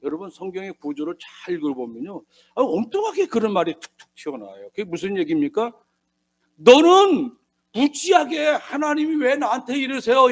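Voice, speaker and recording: A man preaching a sermon as a pastor, swinging between hushed asides and loud emphatic bursts and acting out the voices he quotes. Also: very high-pitched. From South Korea.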